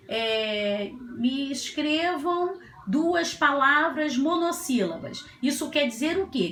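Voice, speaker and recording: A woman's voice: on the high side, fairly bright tone. A woman teacher giving a children's classroom lesson, patient and sing-song, stretching out syllables as she sounds out words. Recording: echoey room, faint ambience.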